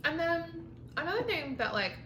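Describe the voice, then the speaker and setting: A woman's voice: extremely high pitch, very animated, moderate pace. A woman vlogger rambling casually and informally to camera over lunch, with frequent filler words and mild swearing. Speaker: vlog host. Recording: echoey room with clear background noise.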